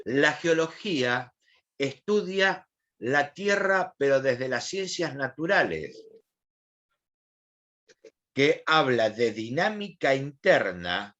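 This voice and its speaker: A man's voice: mid-range voice, big pitch swings, slow, pauses often, bright, forceful tone, dull audio. A man with an Argentine accent teaching an online class, asking questions and explaining in a colloquial way. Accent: Argentine Spanish.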